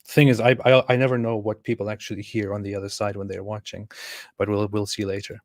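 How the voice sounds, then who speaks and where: A man with a fairly low voice hosts a casual livestream interview. He feels his way through questions, restarting and repeating them. The recording is dry, with very little echo. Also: little pitch movement, quick pace.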